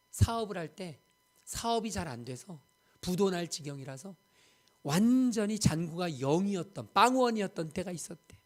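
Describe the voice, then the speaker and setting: A man's voice: high-pitched, a little mellow. Man preaching a dramatic story sermon. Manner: dramatic storytelling, acting out quoted speech with emphatic rises. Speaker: pastor. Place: church sanctuary.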